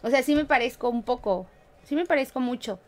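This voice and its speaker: A high-pitched Mexican woman chats playfully with her live-stream viewers, laughing often and humming little tunes between remarks. She has a light, bouncy way of talking. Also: fairly quick. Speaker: game streamer.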